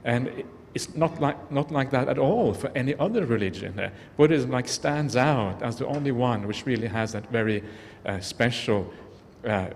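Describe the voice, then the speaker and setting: A man's voice: mid-range voice, expressive, moderate pace. A Norwegian-born man, a Buddhist monk, giving an earnest, reflective dharma talk to an audience in a large hall. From Norway. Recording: long hall reverb, faint background noise.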